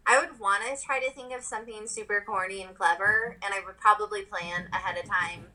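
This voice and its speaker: A woman's voice: mid-range voice, steady tone, fairly quick, bright, forceful tone, low-quality recording. A young woman co-hosting a podcast, chatting candidly, laughing often and swearing casually. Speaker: podcast co-host. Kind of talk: casual chat.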